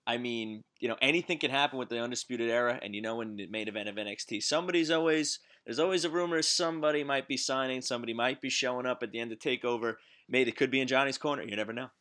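A man's voice: medium pitch, fast talker, hardly any pauses, pushed and bright. A man chatting casually as a guest on a sports podcast, recorded in a home basement. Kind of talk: casual sports podcast chat about wrestling.

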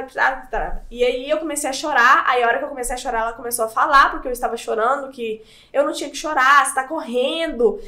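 Fast-talking makeup artist woman. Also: a little high, a bit bright. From Brazil (Goiânia). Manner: earnest, heartfelt, frequent "you know?" asides. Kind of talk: personal storytelling monologue.

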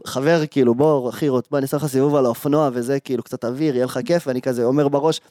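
A man hosting a podcast, telling a story in a lively, animated way and acting out the dialogue. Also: mid-range voice, dry recording, studio quality. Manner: animated, acts out quoted dialogue. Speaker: podcast host. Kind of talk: casual storytelling chat.

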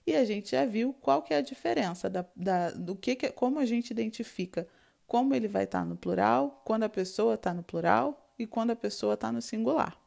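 A woman's voice: on the high side, lively intonation, moderate pace, gravelly, darkish tone. A Brazilian woman with a Brazilian Portuguese accent, teaching a French lesson, explaining patiently, recapping and modeling short dialogue lines. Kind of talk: online language lesson.

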